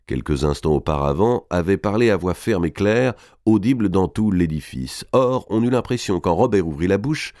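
A man's voice: low-pitched, mellow, no room sound, studio quality. A man narrating a historical novel as an audiobook, reading expressively and dramatically.

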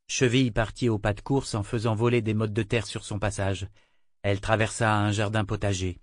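A man narrating an audiobook in a measured, even storytelling manner on a close studio mic. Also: on the low side, dry recording.

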